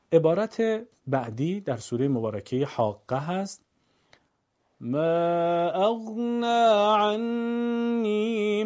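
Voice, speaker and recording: A man teaching a Quran recitation lesson, calmly explaining the rules and then chanting the verses slowly and melodically. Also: mid-range voice, husky. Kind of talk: tajweed lesson.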